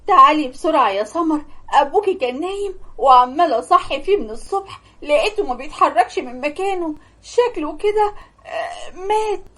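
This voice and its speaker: A woman plays a distraught Egyptian stepmother in an animated story. She speaks in a high, broken, tearful voice with halting pauses. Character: distraught stepmother giving bad news.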